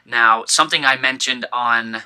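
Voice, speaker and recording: A man's voice: mid-range voice, normal speed, bright, forceful tone, clean tone, rough recording. A young man co-hosting a casual fan podcast, talking enthusiastically with lots of fillers and restarts, with the hiccups. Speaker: podcast co-host.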